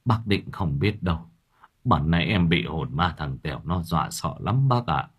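A man's voice: on the low side, very slow, vocal fry, husky, exaggerated voice. A man voicing a terrified older village man who speaks in a faint, stammering whisper. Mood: shaken.

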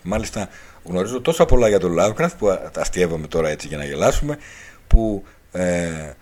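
Hosting a radio talk show, this Greek author delivers a long lecture, repeating key points and spelling out letters individually. He speaks with a fairly low pitch and a darkish tone.

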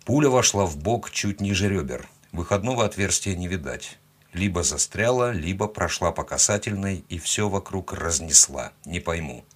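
Deep husky male audiobook narrator. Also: expressive, normal speed. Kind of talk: first-person audiobook narration.

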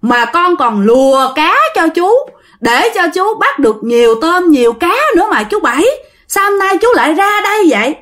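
A woman with a Southern Vietnamese accent voicing a bitter, vengeful female ghost who scolds in a raised, shrill voice. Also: lively intonation, moderate pace, fairly bright tone. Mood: gentle pleading.

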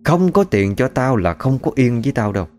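A man's voice: lowish voice, moderate pace, soft background music, natural voice. A man voicing a middle-aged, foul-mouthed, greedy female moneylender who curses and scolds harshly. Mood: scolding.

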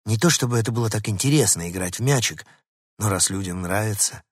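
Husky man reading a storybook aloud. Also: fairly low pitch, fast talker, no echo, clean studio sound. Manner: lively, expressive reading. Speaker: narrator. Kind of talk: audiobook storytelling as the dog.

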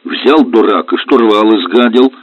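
A man's voice: on the low side, a little slow, no room sound, pitched above the performer's own voice. A man voicing a blunt, short-tempered middle-aged river captain in a storybook reading. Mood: stern. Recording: tinny dry lo-fi audio.

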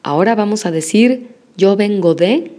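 A woman teaching a language lesson, modeling words slowly and praising the listener after each repetition. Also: mid-range voice, dark tone. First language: Spanish. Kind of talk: slow, patient language lesson with repetition drills.

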